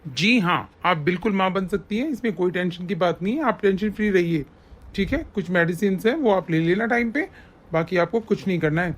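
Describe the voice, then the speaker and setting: A woman voicing a kind, reassuring doctor in an animated family drama. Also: fairly low pitch, fairly quick, natural voice.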